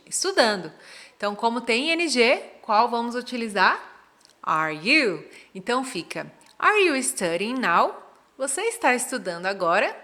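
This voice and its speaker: A woman teaching English in a scripted lesson, slowing down to model each English phrase carefully. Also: on the high side, bright, forceful tone. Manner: slow, careful model pronunciations.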